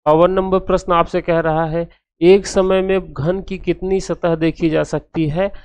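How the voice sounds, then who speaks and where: A man's voice: high-pitched, level tone, a little slow, a little mellow, clean tone, dry recording. A man tutoring for an art teaching exam, explaining each answer steadily and restating every point as he walks through the options.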